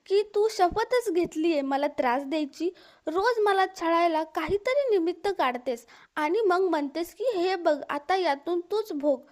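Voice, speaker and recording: A woman's voice: extremely high pitch, expressive, unhurried, darkish tone. A woman voicing a harsh young sister-in-law who scolds and taunts in an accusing manner. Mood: scolding.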